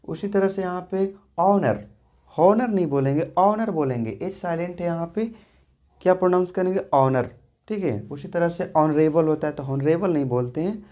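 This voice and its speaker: This female English grammar teacher speaks fairly quickly in a lowish, warm voice. In her classroom lesson she explains patiently, asks and answers her own questions, and keeps checking with "theek hai."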